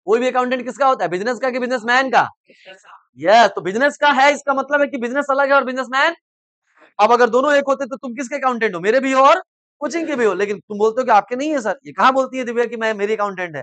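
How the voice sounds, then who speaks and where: A middle-aged male teacher lectures in a coaching classroom with a high voice, talking very fast. He explains in simple terms with everyday examples and keeps prodding students to answer whether they follow. The sound is dry and close. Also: a bit bright, dry recording. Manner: repeatedly asks "samajh mein aa raha hai?" and prods students to answer.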